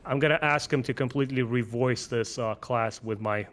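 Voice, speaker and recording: A man with a Russian accent in a casual gaming chat, relaxed and full of questions. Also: medium pitch, moderate pace. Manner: relaxed, asks lots of questions.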